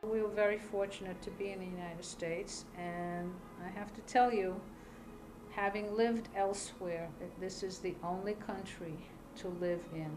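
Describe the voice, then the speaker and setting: An older woman from Iraq telling her life story in an interview, seated at a table in a small room, speaking calmly and deliberately with pauses between phrases. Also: medium pitch, noisy background. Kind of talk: measured personal testimony.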